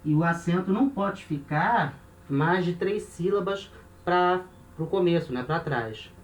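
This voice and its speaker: A man teaching a recorded lesson in a patient, steady way. He checks in often with short tag questions and slows down to repeat word forms. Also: high-pitched. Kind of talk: recorded lesson explaining grammar. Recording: echoey room with faint noise.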